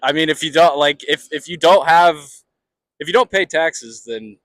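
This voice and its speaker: Casual American man, halting, dry sound. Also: fairly high pitch, animated, fairly bright tone, no room sound, low-quality recording. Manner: rambling, halting, repeats phrases. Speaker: street interviewer. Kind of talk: casual, unscripted street talk.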